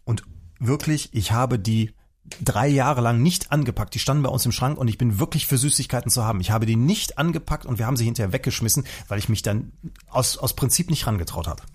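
Husky man telling a rambling story. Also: medium pitch, fairly quick, a little mellow. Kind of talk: casual chat.

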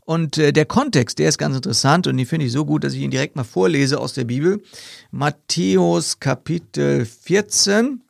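A man's voice: fairly high pitch, normal speed, vocal fry, dry recording, clean studio sound. A man hosting a podcast, chatting casually about Bible verses and thinking aloud with fillers and repeated words. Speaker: podcast host.

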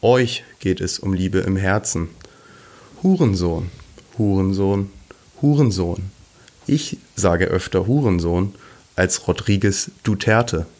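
A man putting on a stiff robot voice to recite lines in a casual quiz chat, slow and halting. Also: low voice, a little mellow. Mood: mechanical. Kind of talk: casual podcast quiz game.

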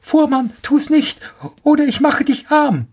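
A shrill vengeful sparrow. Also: male voice, sing-song, takes it slowly, husky, exaggerated voice. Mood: furious. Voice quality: very high piping squeak. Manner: taunting, sing-song threats. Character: small vengeful male sparrow, shrill and spiteful.

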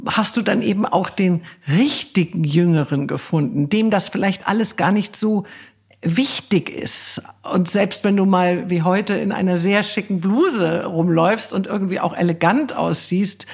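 A woman's voice: lowish voice, darkish tone, breathy edge. A woman interviewer asking questions in a conversational way, searching for her words as she talks. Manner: hesitant, many fillers and restarts.

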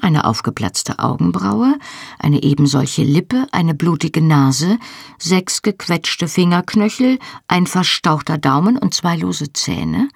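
A woman reading first-person narration from a novel as an audiobook narrator, measured and even. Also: fairly low pitch, vocal fry, husky, no room sound, studio quality.

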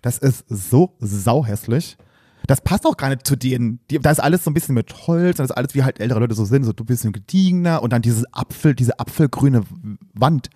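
A man chatting casually on a podcast, telling stories in an animated, exaggerated way. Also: mid-range voice, fast talker, few pauses, slightly rough, no echo, clean studio sound. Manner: animated storyteller who exaggerates for laughs. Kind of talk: casual chat.

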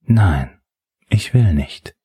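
A man voicing a dazed young woman who pleads faintly, only slightly raising his own low voice. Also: animated, extremely slow, mellow, slightly rough, no echo, full character voice. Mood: pleading.

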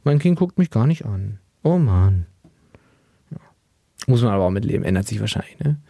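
A man's voice: fairly low pitch, sing-song, normal speed, gravelly, mellow, breathy edge, no echo, clean studio sound. A young man with a tired voice, rambling in a casual solo monologue as podcast host. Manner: chatty, rambling, self-amused, puts on silly baby-talk voices.

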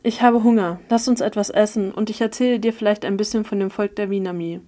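Woman voicing a brooding young man, quiet, hesitant, storybook figure. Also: mid-range voice, fairly even intonation, fast, lightly acted. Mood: earnest.

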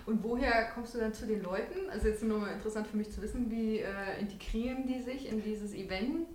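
A woman's voice: fairly high pitch, fairly quick, a little mellow, a little hiss or hum. A woman co-hosting a podcast, asking brief curious questions in casual chat. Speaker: podcast co-host. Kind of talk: casual conversation. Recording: roomy echo.

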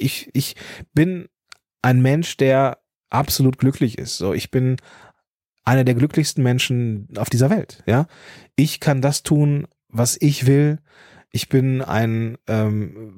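A man's voice: medium pitch, warm tone, dry recording, studio quality. A German man in his thirties hosting a podcast, thinking aloud in a personal monologue, with restarts, fillers and a slight stutter on some consonants. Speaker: podcast host.

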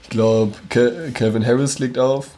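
A man's voice: medium pitch, steady tone, unhurried, warm tone. A young man co-hosting a podcast, making dry, sarcastic jokes in casual banter. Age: young adult. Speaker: podcast co-host.

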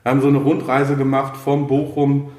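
A man hosting a podcast in a casual, halting way, thinking aloud as he chats. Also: mid-range voice, monotone, darkish tone. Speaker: podcast host. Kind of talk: casual chat. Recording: roomy echo, faint background noise.

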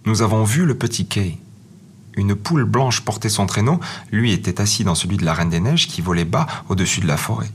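A man's voice: fairly low pitch, brisk, slight background noise, natural voice. A man voicing a pair of cooing wood pigeons telling a sad tale in a storybook reading. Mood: mournful. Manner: cooing, mournful.

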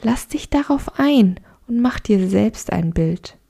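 Woman doing a hushed, coaxing inner voice, gravelly and mellow, in a storybook read. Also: fairly high pitch, a little slow, voice pushed up. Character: brave inner voice, encouraging.

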